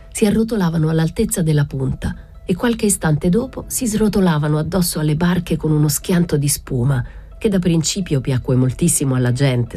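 Low husky woman reading a novel. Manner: steady, measured first-person storytelling. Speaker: narrator. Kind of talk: audiobook reading of a literary novel.

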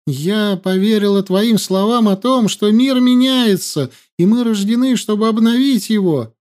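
A man's voice: measured pace, darkish tone. Man voicing a tearful, accusing young princess. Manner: accusing, tearful, high-pitched. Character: young grieving furious princess woman.

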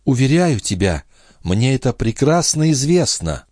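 A man's voice: very animated, measured pace, a little mellow, no echo, studio quality. A man voicing a pleading young wife. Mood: scornful. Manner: high, tearful, imploring. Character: young woman, passionate, pleading, sorrowful clairvoyant wife. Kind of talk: audiobook reading.

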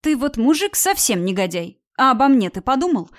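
A woman voicing a loud, bossy, teasing woman of about thirty in an audiobook. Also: high-pitched, big pitch swings, a little fast, voice pushed up. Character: brash mocking woman around thirty.

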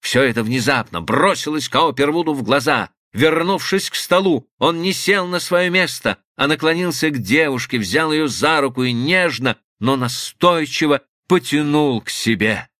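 A man reading a novel aloud as an audiobook, with emotive, lively narration into a close studio mic. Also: a little high, moderate pace, few pauses, no room sound. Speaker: audiobook reader. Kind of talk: expressive literary narration.

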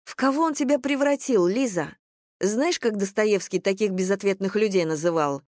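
A reader voicing a quick-tempered young woman who talks sharply and bluntly. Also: medium pitch, lively intonation, no room sound, clean studio sound, lightly acted. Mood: fierce. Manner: sharp, forceful.

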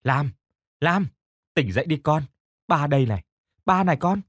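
A man voicing a gentle older father who speaks softly and soothingly. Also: on the high side, expressive, normal speed, breathy edge, dry recording, studio quality, voice pushed up. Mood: tender. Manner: soft, soothing.

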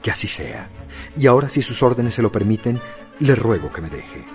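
A man's voice: on the low side, very animated, moderate pace, soft background music. A man voicing a weak, despairing imprisoned king whose voice is hollow and resigned. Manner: resigned, pleading.

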